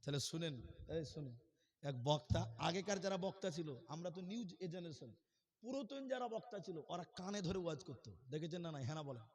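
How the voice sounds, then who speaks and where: A man from Assam preaching at a religious gathering, joking with the crowd and then swelling into loud, drawn-out chanting. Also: fairly high pitch, lively intonation, breathy edge. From Assam, India. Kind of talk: sermon with jokes and chanted verses. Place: outdoor gathering stage.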